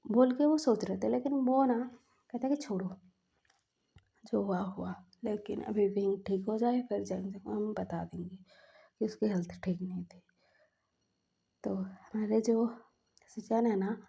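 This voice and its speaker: A woman telling a fan-fiction story in a casual, hushed way, sometimes dropping to a whisper. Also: mid-range voice, moderate pace, gravelly. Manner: hushed, at times whispered narration. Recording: dull lo-fi recording.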